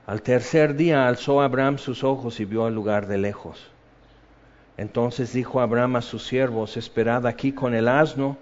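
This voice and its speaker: A man preaching a sermon with passion, moving between loud emphasis and soft hushed tones, reading scripture and acting out the quoted voices. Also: fairly high pitch, highs cut off. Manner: reads scripture then acts out quoted voices.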